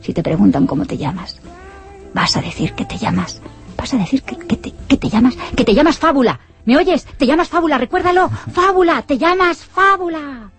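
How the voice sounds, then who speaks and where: A woman's voice: sits high, expressive, normal speed, faint music behind. A woman voicing Lie as a brash, slangy, bossy woman who talks in a crude, streetwise way. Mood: insistent.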